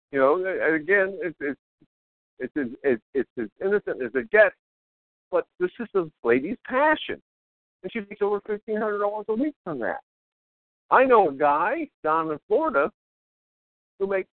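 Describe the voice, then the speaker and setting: A man's voice: on the high side, dry recording, narrow, tinny audio. A middle-aged man giving a casual motivational talk in a wired, over-caffeinated way, eagerly rambling and often restarting his phrases. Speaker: self-help author, interview guest.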